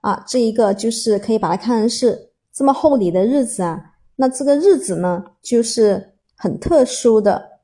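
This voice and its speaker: A woman's voice: on the high side, animated, normal speed, few pauses, mellow, breathy edge. A woman teaching an English vocabulary word, explaining patiently, spelling letters out and repeating herself with many fillers. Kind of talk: explaining a word step by step to learners.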